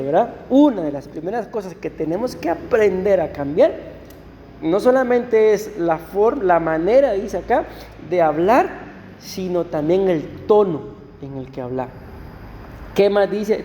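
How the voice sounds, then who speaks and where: A male pastor giving a conversational sermon to his congregation, often slowing down to read verses aloud. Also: high voice, mellow, long reverb tail, a little hiss or hum. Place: church.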